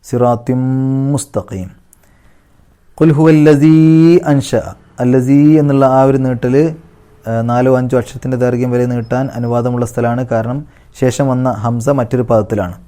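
A man leads a tajweed lesson on recitation rules. He chants each short phrase slowly at a raised pitch, then drops into a lower, softer voice to explain the rule. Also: flat delivery. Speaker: Quran recitation teacher.

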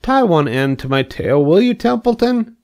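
A man voicing an eager, boastful young male pig in a storybook read-aloud, with excited exclamations. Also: sits high, normal speed, voice pushed up.

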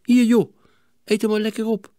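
Man voicing an eager young boy, quick, high, lively swings, dry close sound. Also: vocal fry, no echo, exaggerated voice. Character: eager young boy, twin, keen and excited.

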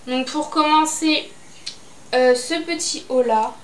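A young woman's high-pitched voice takes its time as she casually chats through her beauty and fashion purchases for a haul vlog. She's hesitant and leans heavily on fillers, and the clip has room echo and slight background noise.

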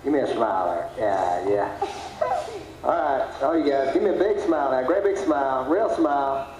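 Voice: medium pitch, expressive, moderate pace, a crowd in the background. An adult coaxing kids to smile while filming, heard on old VHS home-video audio from a camcorder mic at a family gathering. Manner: playful, cajoling, laughing. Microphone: built-in camcorder mic. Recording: hissy, echoey camcorder audio in a room.

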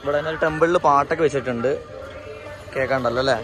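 Man vlogging, music loud behind. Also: medium pitch, quick pace. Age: young adult. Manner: mixes English words into talk. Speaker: vlog host. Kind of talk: casual travel vlog chat. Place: moving car, some street and eatery. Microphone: phone at arm's length. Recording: loud background music over the talk.

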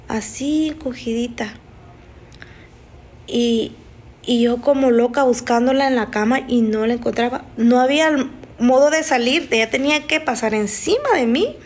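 Woman streamer retelling a scare, slightly high voice, halting and emotional, restarts mid-sentence. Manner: halting, emotional, with frequent restarts and nervous laughs. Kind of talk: casual spoken storytelling.

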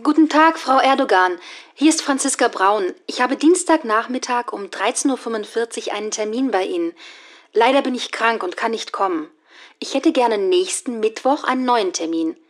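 A polite woman played by an actress records a formal answering machine message. Her voice is a little high, with clear articulation. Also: normal speed, natural voice. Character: polite woman phoning about an appointment. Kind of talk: scripted answering machine message for a German listening exercise.

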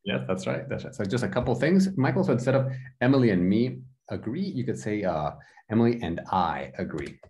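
A man with an American accent teaching an online English class on a video call, gently correcting students and repeating phrases. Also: lowish voice, lively intonation, fairly quick.

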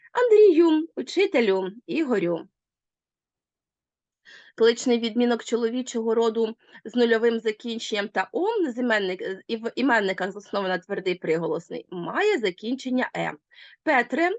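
A woman's voice: fairly high pitch, animated, normal speed, dry recording, muffled recording. A woman teacher explaining grammar in a lesson, speaking emphatically.

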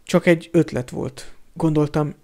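A man's voice: on the high side, fairly even intonation, gravelly, a little mellow. A man voicing an impulsive young schoolboy in an audiobook, speaking plainly and decisively. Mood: sheepish.

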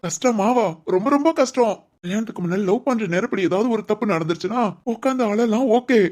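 A man's voice: high-pitched, fairly quick, darkish tone, natural voice. A man voicing a young husband in a romantic audio drama who teases his wife while also reassuring her. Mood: teasing. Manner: teasing yet reassuring. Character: teasing, caring young husband.

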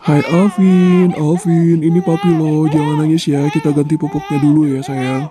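A young performer voicing a young father who fusses over his crying baby son in a fan drama, talking in soft, coaxing baby talk. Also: medium pitch, level tone, normal speed, crowd noise, lightly acted. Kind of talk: amateur game-animation drama voicing. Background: background music.

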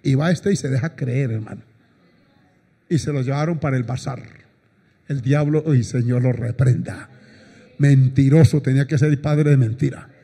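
A man's voice: mid-range voice, moderate pace, gravelly, long pauses, dark tone, breathy edge. A man preaching a sermon as a pastor, telling stories and breaking into praises. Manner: storytelling preacher, exclaims praises often. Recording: long church hall reverb.

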